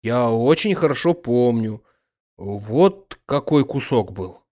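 Man voicing Oblomov, lazy dreamy gentleman. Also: medium pitch, animated, slow. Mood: insistent. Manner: drowsy, wistful, then fussy. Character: lazy dreamy gentleman landowner, male, middle-aged. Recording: slightly muffled audiobook recording.

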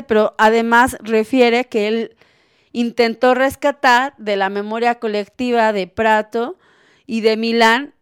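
A woman hosting a podcast, talking in a relaxed, chatty way with many fillers. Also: on the high side, smooth, dry recording, clean studio sound. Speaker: podcast host. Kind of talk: casual podcast talk.

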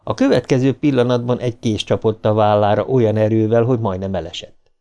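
A man's voice: fairly low pitch, warm tone, muffled recording. A man narrating an audiobook in a tense, dramatic reading style.

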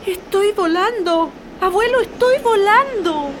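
A woman's voice: a little high, sing-song, measured pace, background noise. A woman playing a curious, timid young girl in an audio drama, exclaiming and sighing in a wide-eyed manner. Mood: amazed.

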